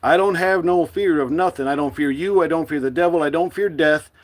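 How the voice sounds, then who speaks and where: A middle-aged man from the United States speaking to his livestream viewers in a forceful, defiant, preachy monologue. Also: fairly high pitch, brisk. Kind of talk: impassioned live-stream monologue.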